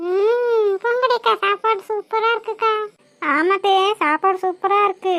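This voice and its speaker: A woman's voice: very high-pitched, normal speed. A woman voicing chatty young village women in a cartoon, teasing and bossy. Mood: cheerful. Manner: lively, teasing, bossy banter. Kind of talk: cartoon voice acting.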